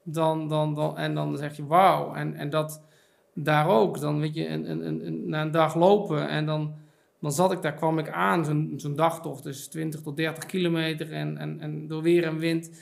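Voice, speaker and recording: A man's voice: on the high side, level tone, normal speed, gravelly. A middle-aged man, a podcast guest and author, talking reflectively in a casual chat with many fillers and repeated words. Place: podcast studio.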